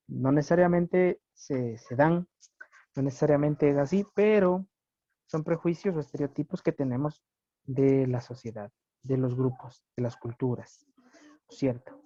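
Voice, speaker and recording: Guy teaching a class, dark mellow voice, dry muffled lo-fi sound, keeps asking right?. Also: mid-range voice, measured pace, dry recording. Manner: checks understanding with frequent tag questions. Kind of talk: classroom lecture with questions to students. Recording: muffled lo-fi recording.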